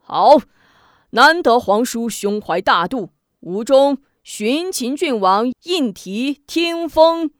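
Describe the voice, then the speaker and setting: A woman's voice: mid-range voice, big pitch swings, takes it slowly, no echo, clean studio sound. A woman voicing an amused, commanding emperor. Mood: regal, amused. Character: shrewd, lively male emperor.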